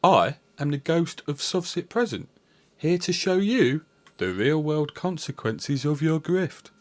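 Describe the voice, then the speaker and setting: A man's voice: a little high, animated, unhurried, no room sound, voice pushed up. A man doing a mocking sardonic ghost. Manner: mocking, dry commentary. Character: sardonic male ghost of the present.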